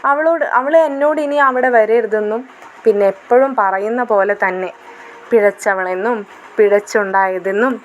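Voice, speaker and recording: A woman voices a hurt young woman in a retold family drama. She complains in an aggrieved, halting way. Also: mid-range voice, slight background noise, close to an everyday voice, rough recording.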